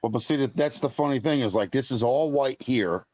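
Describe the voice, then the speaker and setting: A man's voice: mid-range voice, a little fast, darkish tone, dry recording. A man in his fifties chatting casually on a live stream, talking in a rambling, blunt way with some mild cursing. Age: 50s.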